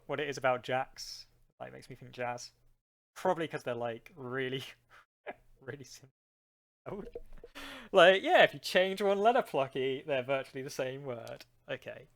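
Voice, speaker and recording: A man's voice: on the high side, vocal fry, sharp tone. A man streaming a card game live, chatting casually with his viewers and rambling between plays.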